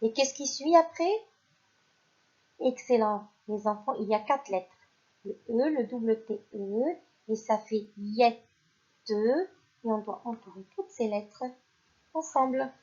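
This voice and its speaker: A woman teaching a phonics lesson to young children, speaking clearly and encouragingly and praising the pupils as she goes. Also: fairly high pitch, expressive, measured pace, long pauses, warm tone. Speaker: primary school teacher. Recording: dull lo-fi recording.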